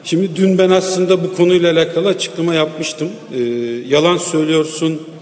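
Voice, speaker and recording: A man's voice: fairly high pitch, level tone, a little fast, darkish tone. A man speaking into a lectern microphone at the rostrum of a large parliamentary chamber, defensively rebutting accusations point by point. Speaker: member of parliament. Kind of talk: parliamentary floor speech. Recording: echoey large hall with long reverb.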